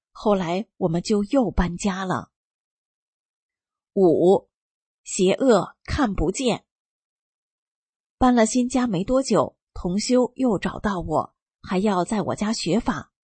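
A woman reading a first-person testimony aloud, telling it in a calm and steady way. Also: medium pitch, measured pace, hardly any pauses, breathy edge, no room sound. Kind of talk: scripted narration.

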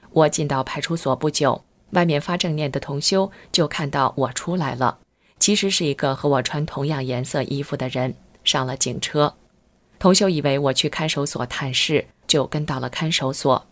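A middle-aged woman reads her first-person account aloud in a low, deep voice. She tells it earnestly and keeps a steady pace.

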